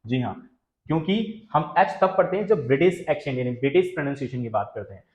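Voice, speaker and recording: A man's voice: medium pitch, animated, fast, darkish tone. A man teaching an English lesson who explains patiently, asks the class questions and mixes English phrases into his talk. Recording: echoey, muffled room recording.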